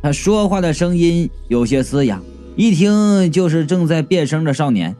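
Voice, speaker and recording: A male storyteller with a fairly high but mellow, dark-toned voice. His delivery is animated, rising and falling a lot. Faint music plays underneath. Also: moderate pace. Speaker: narrator. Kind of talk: storytelling narration.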